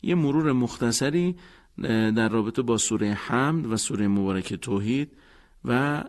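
A man explaining pronunciation in a calm, methodical lesson voice. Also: medium pitch. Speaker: teacher.

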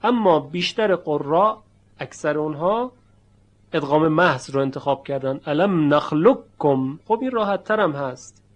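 In this tajweed lesson, a man with a slightly raised pitch teaches Quran recitation, laying out each rule one step at a time. He then draws out the example words slowly and with emphasis so every sound is clear. His delivery is expressive, though the recording is muffled.

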